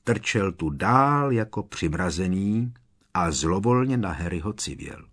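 A man's voice: low voice, expressive, a bit bright. A man narrating an audiobook with a dramatic, varied delivery.

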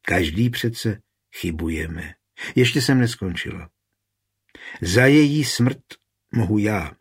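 A man with a husky voice reading an audiobook, raising his voice for an impulsive, bitter young woman. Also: fairly low pitch, lively intonation. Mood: confessing.

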